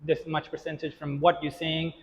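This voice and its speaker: A man co-hosting a casual podcast chat about coaching, agreeable and quick to affirm. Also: fairly high pitch, little pitch movement, slight background noise. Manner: agreeable, frequent affirming backchannels. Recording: lo-fi audio in reverberant room.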